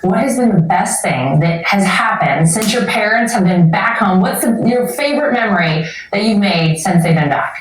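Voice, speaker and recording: A woman's voice: mid-range voice, animated, normal speed, heavy reverb, recorded from a distance, slight background noise, rough recording. A woman interviewer asking friendly, probing questions.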